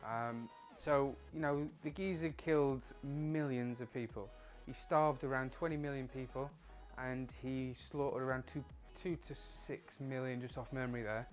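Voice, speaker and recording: A man's voice: mid-range voice, fairly even intonation, normal speed, few pauses, soft background music. A man hosting a vlog, talking in a loose, chatty, offhand way with lots of fillers and the odd swear word. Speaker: vlog host. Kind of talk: casual rambling commentary.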